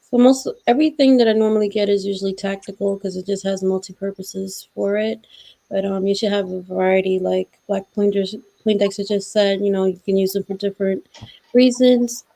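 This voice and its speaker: A woman's voice: mid-range voice, fairly even intonation, brisk, vocal fry, dark tone. A woman in a casual chat, giving practical, matter-of-fact advice.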